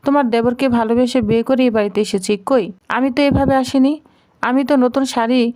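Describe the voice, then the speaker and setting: A woman's voice: fairly high pitch, steady tone, a little fast, mellow, lightly acted. A woman voicing a suspicious, confiding aunt in a family household. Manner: wary, confiding. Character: suspicious young married woman, gossiping aunt.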